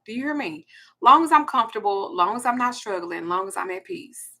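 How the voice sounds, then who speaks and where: Woman, forties, blunt, profane, emphatic rant, sharp bright tone. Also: medium pitch, animated, a little fast. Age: 40s. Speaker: host. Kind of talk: ranting monologue.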